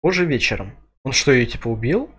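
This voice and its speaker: A man doing casual gameplay commentary and reading the game's dialogue aloud, haltingly, with self-corrections. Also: mid-range voice, expressive, fairly bright tone, slight background noise. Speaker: let's player.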